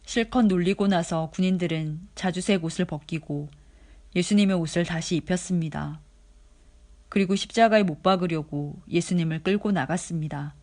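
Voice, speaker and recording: A reader giving a steady, measured daily scripture reading. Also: mid-range voice. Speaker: Bible reader.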